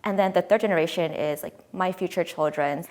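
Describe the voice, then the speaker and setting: A woman's voice: lowish voice, a little fast, a little mellow. A woman in her twenties, an American-born interview guest, speaking in an articulate and enthusiastic way. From United States. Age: 20s. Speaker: interview guest, editor-in-chief. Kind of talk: conversational interview.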